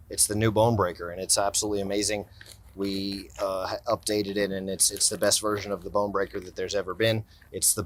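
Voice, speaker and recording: A lowish, slightly bright male voice with a bit of hiss or hum belongs to an American man in his forties, a gear company owner and vlogger. Sitting on a stone ledge in a city park, he chats about his everyday carry, rambling and restarting sentences with plenty of gear enthusiasm. The shot is from a camera on a tripod a few feet away, plus handheld close-ups.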